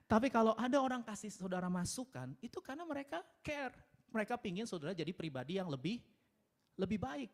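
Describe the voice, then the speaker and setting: A married man preaching at a church service with a high voice that swings widely up and down. He talks in a chatty, animated way, often breaks into laughter, and slips English words into his preaching. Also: fairly quick. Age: adult, married. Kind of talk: sermon.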